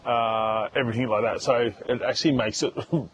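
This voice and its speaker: A man's voice: mid-range voice, steady tone, a little fast, slight background noise. A man talking casually to camera as a travel vlogger, chatty and rambling with fillers and restarts, outdoors at tourist spots and later indoors. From Australia. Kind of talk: casual travel vlog chat.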